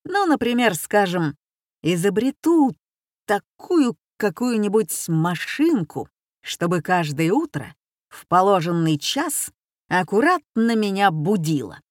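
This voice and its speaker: A woman's voice: medium pitch, big pitch swings, slow pace, no room sound, clean studio sound. A woman voicing a pompous, easily flustered retired captain and father. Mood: boastful. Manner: pompous, blustering.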